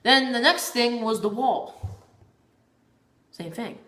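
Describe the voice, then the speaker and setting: A woman's voice: fairly high pitch, slow, fairly bright tone, roomy sound. A woman vlogging in a casual, rambling monologue, often stumbling and repeating her words.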